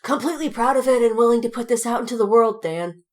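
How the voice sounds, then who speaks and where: Her voice is fairly high and quick as she co-hosts a podcast about fandom, chatting casually. She rambles, swears, and leans on "like," bringing her stories to life by voicing how people reacted.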